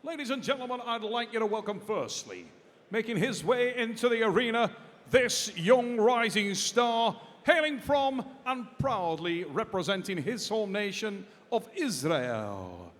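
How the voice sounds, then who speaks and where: A man works as a live sports announcer with a booming, pumped-up delivery. His voice sits high, and he stretches names out for effect. The big hall gives his words a long reverb. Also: big pitch swings, unhurried. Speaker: ring announcer and post-match interviewer. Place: large indoor event arena.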